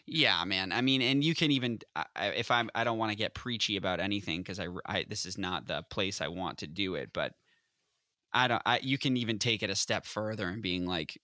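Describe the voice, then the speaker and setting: Bright-voiced man in his thirties, rambling. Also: lowish voice, brisk, no room sound, studio quality. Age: 30s. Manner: rambling, many restarts, laughs easily. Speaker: podcast co-host. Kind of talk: casual chat.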